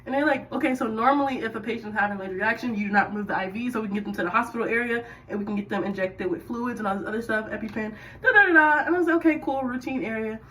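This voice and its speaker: Woman storyteller, casual, lively, sits back from the mic, voice on the higher side. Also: rapid-fire, few pauses, far from the mic, rough recording. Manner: chatty and animated, with sudden loud bursts. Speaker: radiology tech telling a work story. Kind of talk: casual storytime while doing hair.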